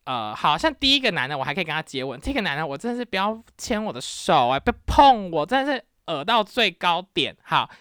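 A woman from Taiwan tells her dating stories as a podcast host in a loose, chatty way. Her speech is animated and full of exclamations, with a lowish voice that swings widely in pitch. The sound is close and dry, with no room echo. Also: fast talker, few pauses, clean tone. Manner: animated, exclamatory, with English words mixed in. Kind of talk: casual storytelling.

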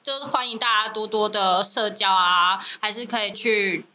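A woman's voice: mid-range voice, moderate pace, sharp tone. A giggly woman with a Taiwanese Mandarin accent chatting casually as a podcast host. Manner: giggly, laughs often while talking. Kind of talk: casual group chat. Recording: clear background noise.

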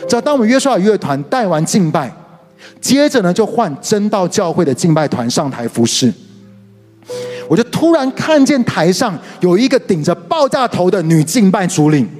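A middle-aged man with a Taiwanese Mandarin accent preaching a sermon, telling stories animatedly with sudden leaps in pitch. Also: very animated, moderate pace. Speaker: pastor and worship leader. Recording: reverberant hall with soft music behind.

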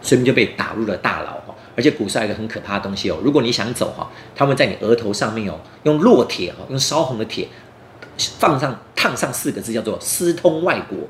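A man works as a lively children's storyteller, talking quickly and swinging through his pitch. He keeps stopping to explain and check in with his young listeners. The room sounds echoey. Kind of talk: animated storytelling to children, asking them questions. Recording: roomy echo, faint background noise.

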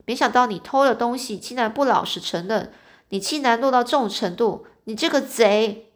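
A woman's voice: a little high, moderate pace, natural voice. A woman voicing a furious banker father. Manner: scolding, shouting accusations. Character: outraged middle-aged male banker father.

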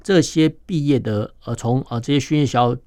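A man, a defense journalist explaining military matters as an interview guest, filling his phrases with drawn-out "oh" and "ha" sounds. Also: medium pitch, darkish tone, no room sound. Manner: peppers phrases with drawn-out "oh" and "ha" particles.

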